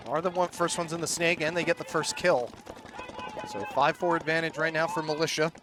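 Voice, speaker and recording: A man's voice: a little high, little pitch movement. Upbeat man calling live play outdoors. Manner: brisk, running play-by-play with easy laughs. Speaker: play-by-play commentator. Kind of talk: live sports commentary. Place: outdoors at a paintball field. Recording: outdoor mic with loud ambient noise.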